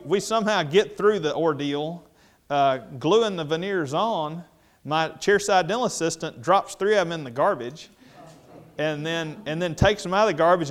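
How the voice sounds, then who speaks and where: A middle-aged man with a drawl tells a funny, self-deprecating story to a room of fellow dentists. His voice sits a little high for a man. He gets animated and mimics other people's voices when he quotes them. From Mississippi. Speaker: dentist speaking to dental professionals. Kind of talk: humorous storytelling talk to an audience.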